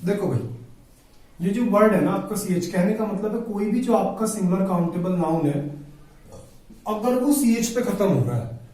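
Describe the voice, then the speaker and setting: High-voiced male teacher in echoey room. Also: expressive, moderate pace, long pauses, dark tone, far from the mic. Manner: repetitive, asks and answers own questions, calls listeners "my brother". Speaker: English grammar teacher. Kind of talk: classroom-style video lesson.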